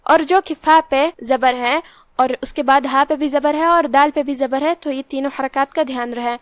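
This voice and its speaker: A woman with a high-pitched voice teaches recitation rules, going letter by letter in a slow and methodical way. Her sound is dry and close, with no room around it. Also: fairly even intonation, no echo. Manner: slow, methodical, careful articulation. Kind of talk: tajweed lesson, explaining then reciting.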